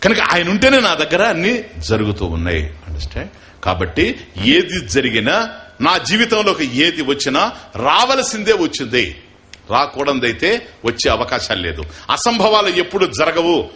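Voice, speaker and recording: A man's voice: a little high, wildly swooping pitch, moderate pace, sharp tone. A man teaching as a spiritual teacher in a scripture discourse, asking his listeners rhetorical questions and chanting verses.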